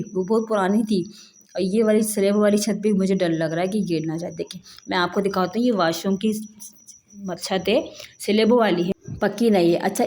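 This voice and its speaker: A woman in her thirties from Pakistan speaks into a handheld phone in her home, in a vlog. Her voice is mellow and warm, sitting at an ordinary pitch. She talks in an earnest, emphatic way, pressing her points with repeated assurances. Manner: earnest, emphatic retelling, often repeating "believe me". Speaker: vlogger, mother. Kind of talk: home vlog, personal storytelling. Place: at home, indoors.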